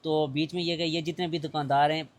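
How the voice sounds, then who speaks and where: A man's voice: fairly high pitch, little pitch movement, fairly quick. A middle-aged shopkeeper man speaking outdoors in a market lane, pleading and emphatic in a street interview.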